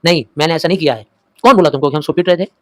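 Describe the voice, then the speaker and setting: A man voicing an angry, defiant young village boy in a storybook retelling, loud and hurried as he protests. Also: a little high, no echo, close to an everyday voice. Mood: protesting.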